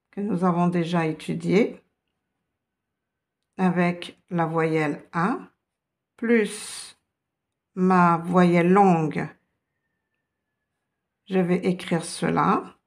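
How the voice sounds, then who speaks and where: Slow, gravelly-voiced woman teaching. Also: fairly low pitch, steady tone. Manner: patient, step-by-step explaining. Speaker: Arabic teacher. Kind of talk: slow beginner language lesson.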